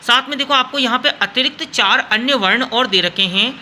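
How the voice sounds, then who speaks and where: A man's voice: very high-pitched, fairly quick, bright, forceful tone, a little hiss or hum. A male school teacher giving a classroom grammar lesson, speaking directly to his students, repeating points and drawing out sounds in his demonstrations.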